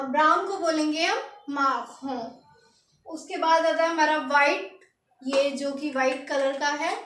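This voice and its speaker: A woman's voice: very high-pitched, fairly bright tone. A woman teaching beginners, spelling words letter by letter and asking learners to repeat after her. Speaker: French teacher. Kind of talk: lesson for beginners. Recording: echoey room.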